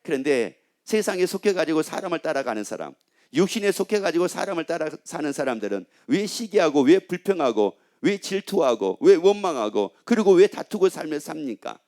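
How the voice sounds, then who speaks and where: A man's voice: fairly high pitch, very animated, brisk, darkish tone. A male pastor preaching a sermon, asking rhetorical questions and repeating phrases for emphasis.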